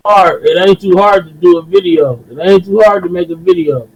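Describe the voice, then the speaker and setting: A man from Detroit with a Detroit accent, talking in animated slangy chat on a podcast. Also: high voice, moderate pace. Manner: animated, slangy, repeats himself. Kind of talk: casual chat. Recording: dull lo-fi sound.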